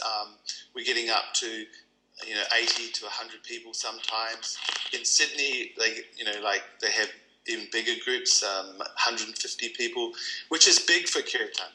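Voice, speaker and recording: A man's voice: medium pitch, background noise. A man from New Zealand with a New Zealand accent, answering interview questions thoughtfully, with many ums and restarts. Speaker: kirtan teacher.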